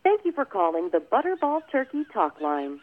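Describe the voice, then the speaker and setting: Brief: female recorded phone message, animated delivery, over a tinny phone line. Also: mid-range voice, moderate pace. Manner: polite scripted automated prompts. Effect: recorded phone menu message. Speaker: phone menu voice.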